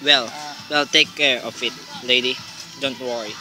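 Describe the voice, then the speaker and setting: A man's voice: medium pitch, fairly even intonation, a little slow, music in the background, natural voice. A man playing a dismissive, patronizing police sergeant in a radio play, condescending and placating.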